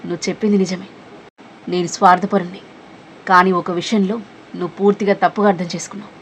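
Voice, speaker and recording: A woman voicing a mysterious, calm young man in a spoken romance story, talking quietly and evenly. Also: a little hiss or hum, natural voice. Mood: calm, teasing. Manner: quiet, low and measured.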